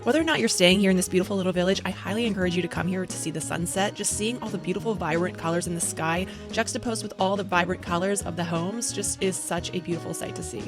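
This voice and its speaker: A woman's voice: fairly low pitch, fast talker, hardly any pauses. A woman vlogging her travels, gushing enthusiastically through a house tour like an eager real estate agent. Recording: background music. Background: music.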